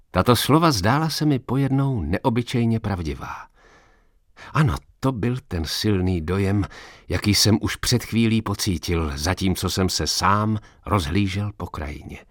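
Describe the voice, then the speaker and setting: A man narrates a story with a low, slightly breathy voice. His delivery is expressive and varied in melody. The recording is dry and close. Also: dry recording. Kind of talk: audiobook story reading.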